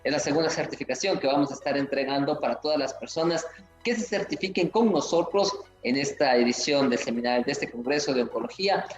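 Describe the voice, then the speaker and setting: A man's voice: mid-range voice, quick pace. A man hosting an online conference, effusive and promotional, reading out viewer comments. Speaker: event host. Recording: echoey room with faint music.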